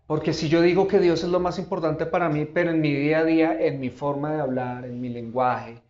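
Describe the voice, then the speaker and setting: A man preaching a sermon as pastor, emphatic, with dramatic pauses and repeated questions. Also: on the high side, fairly even intonation, darkish tone, roomy sound, lo-fi sound. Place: church auditorium.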